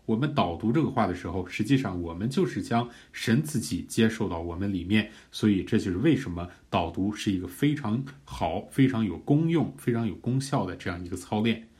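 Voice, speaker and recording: A male preacher delivers a teaching sermon in an earnest, measured way. His voice sits on the low side. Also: expressive, darkish tone. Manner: earnest, measured, rising in fervor during prayed examples. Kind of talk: teaching sermon on pray-reading scripture.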